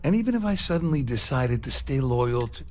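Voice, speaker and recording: A man's voice: medium pitch, big pitch swings, brisk, a little mellow, close to an everyday voice. A man playing a bitter, vengeful crook in a video game, talking in a slangy, cynical way. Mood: bitter, suspicious. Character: bitter, vengeful male crook cutting a deal. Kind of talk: video game dialogue acting. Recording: music behind the voice.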